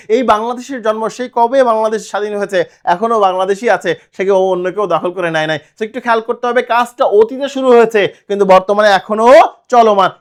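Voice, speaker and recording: A man teaching a grammar lesson, explaining slowly and asking his students questions. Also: high-pitched.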